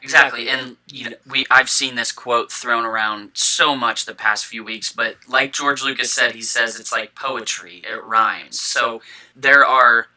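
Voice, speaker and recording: A man's voice: mid-range voice, fairly even intonation, unhurried, few pauses, bright, forceful tone, low-quality recording. A young man co-hosting a casual fan podcast, talking enthusiastically with lots of fillers and restarts, with the hiccups. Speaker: podcast co-host.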